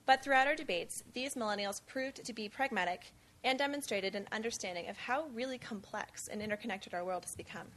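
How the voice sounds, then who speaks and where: A young woman in her twenties giving formal, measured prepared remarks as she introduces a panel at a conference. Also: mid-range voice, a bit bright, a little hiss or hum. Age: 20s. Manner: measured, reads from a script. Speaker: event speaker introducing a panel. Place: conference event on stage.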